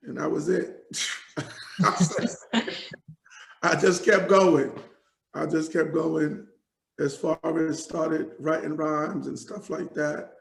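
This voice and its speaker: Gravelly New man, rambling. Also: a little high, fairly even intonation, slow pace, long pauses, roomy sound, poor audio. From Jamaica, raised in New York. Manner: rambling, many fillers and restarts. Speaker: hip hop artist, guest. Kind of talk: casual interview talk.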